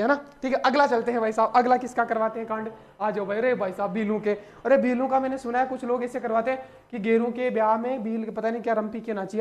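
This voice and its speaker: Lively man teaching exam tricks. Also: high voice. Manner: theatrical, repeats words, speaks in little acted-out voices. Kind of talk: animated exam-prep lesson.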